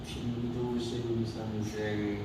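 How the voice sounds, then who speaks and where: A middle-aged speech instructor lectures a classroom casually, bantering with students and teasing them with rhetorical questions. His voice sits on the low side with a flat delivery and a very slow pace. The recording is very noisy, captured from far off in an echoey room.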